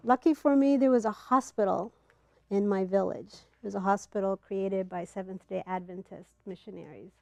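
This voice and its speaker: A middle-aged woman from Ethiopia telling a personal story to a live audience, earnest and halting, with pauses and fillers, on a clip-on mic. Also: medium pitch, fairly even intonation, gravelly, darkish tone, no echo, lo-fi sound. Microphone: clip-on mic, not in front of the face.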